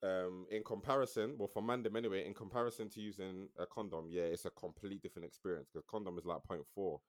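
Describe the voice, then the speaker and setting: A man's voice: sits low, fairly even intonation, fast talker, no echo, studio quality. A young man with a London roadman accent and urban slang, chatting casually as a podcast co-host. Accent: London, urban street slang. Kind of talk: casual chat.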